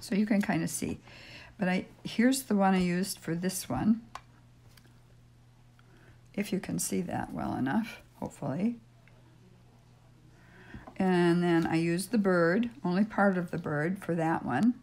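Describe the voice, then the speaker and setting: Working on polymer clay in her home craft room, an older raspy-voiced woman leads a casual tutorial, thinking aloud and saying "um" often. She speaks a little slowly in a lowish, slightly mellow voice with long pauses, recorded on a fixed camera mic.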